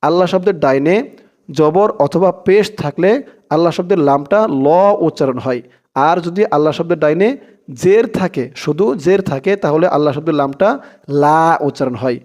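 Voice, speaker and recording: A man with a Bangladeshi Bengali accent teaching Quran recitation, spelling out each letter and chanting the verses slowly between brisk explanations. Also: a little high, darkish tone.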